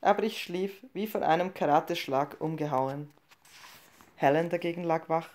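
A woman with a fairly low voice reads a short story aloud. Her narration is calm, measured and subdued, unhurried from line to line. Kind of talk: audiobook reading of a short story.

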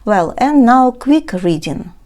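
A woman tutor giving a recorded language lesson, drilling words slowly and clearly with repetitions and quick explanations. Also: fairly high pitch, very animated, darkish tone. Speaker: English tutor.

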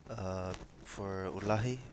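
A young man from Micronesia answering interview questions over a headset on a video call, hesitant and pausing with many fillers. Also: deep voice, steady tone, noisy background. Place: small room with bookshelves, indoors.

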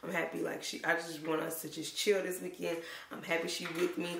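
A young adult woman chatting casually to camera in slangy, informal speech, her voice hoarse and worn out. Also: on the low side, little pitch movement, brisk, a bit bright. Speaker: vlogger. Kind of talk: casual vlog chat to camera. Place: bare indoor room. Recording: echoey room, clear background noise.

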